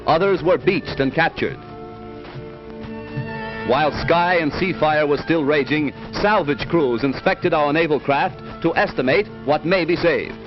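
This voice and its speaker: A man's voice: on the high side, unhurried. A man narrating a 1940s newsreel in an emphatic, rousing, declamatory style, on an old newsreel soundtrack. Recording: dull lo-fi 1940s film sound with music. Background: music.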